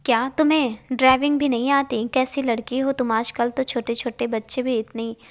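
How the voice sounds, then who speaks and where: A woman's voice: sits high, steady tone, normal speed, lightly acted. A woman reading the lines of a playful, teasing young man in a storybook tale. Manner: teasing, joking.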